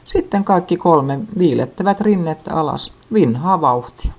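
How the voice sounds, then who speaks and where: A woman with a notably low voice reads a children's story. Her delivery is calm and even, paced for young listeners. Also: highs cut off.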